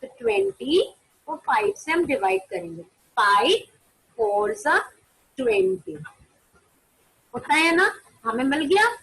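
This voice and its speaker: High-voiced teacher woman, online maths class. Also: sing-song, measured pace, pauses often, fairly bright tone, low-quality recording. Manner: mixes Hindi and English, asks pupils questions and answers them herself; calls pupils by name to turn on their cameras. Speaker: primary school maths teacher. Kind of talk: online class on a video call.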